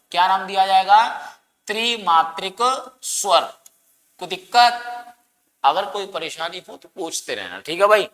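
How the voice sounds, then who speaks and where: A high, fairly bright male voice leads an exam-prep grammar lesson where he asks students questions only to answer them himself, elongating words for dramatic emphasis. There's long echoing reverb on the recording.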